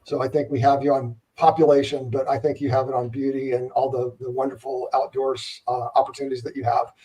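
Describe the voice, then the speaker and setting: A man hosting a casual live-stream interview, relaxed and rambling with plenty of fillers. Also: mid-range voice, fairly quick, husky, distant mic, rough recording. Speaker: host, interviewer.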